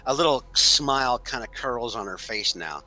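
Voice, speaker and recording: A man's voice: medium pitch, expressive, normal speed, sharp tone, low-quality recording. A young man running a tabletop horror game as game master, narrating loosely with many fillers.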